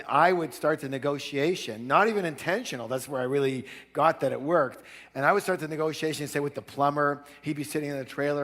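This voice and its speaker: Male seminar speaker, energetic, prods the crowd to answer, mid-pitched, long hall reverb. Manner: energetic, asks audience for call-and-response. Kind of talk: live seminar talk.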